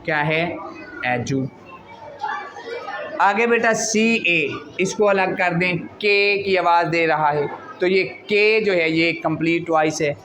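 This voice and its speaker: A man's voice: sits high, takes it slowly, a bit bright. A man teaching an English lesson in a classroom. He speaks with a flavor, keeps asking the class questions and calls the students "beta". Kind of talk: classroom lecture. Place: school classroom. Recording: noisy classroom with crowd chatter.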